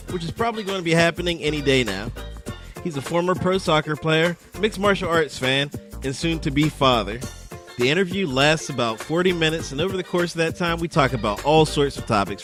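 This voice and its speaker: A man's voice: on the high side, a bit bright. A man hosting a podcast in a casual, conversational style, introducing and interviewing. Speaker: podcast host.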